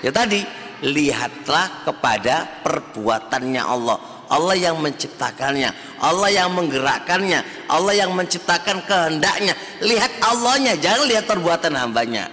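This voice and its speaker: Man, religious teacher, conversational sermon, high bright voice, long hall echo. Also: expressive, moderate pace. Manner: conversational, mixing Javanese, asking the audience questions. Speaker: Islamic teacher. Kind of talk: study-circle sermon.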